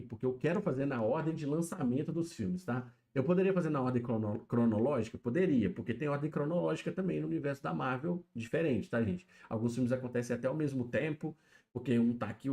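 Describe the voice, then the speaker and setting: Man, warm mellow tone, mid-pitched, chatty solo live-stream talk. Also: quick pace. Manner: chatty, explaining, constantly checking in with "né?" and "tá?". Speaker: YouTube streamer. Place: home setup, alone.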